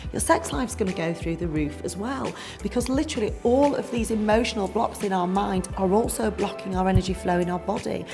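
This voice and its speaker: A woman with a mid-range, darkish voice speaks as a relationship coach promoting a seminar. Her informal, explanatory talk is emphatic and conversational, and she addresses the listener directly.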